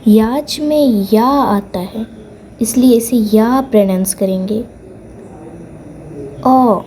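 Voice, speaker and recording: Woman, tutorial host; slow, patient delivery, soft mellow tone, light background noise. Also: fairly high pitch. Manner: patient, repeats sounds slowly to demonstrate. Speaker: language teacher on her own channel. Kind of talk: slow explanatory lesson, mixing Hindi and English.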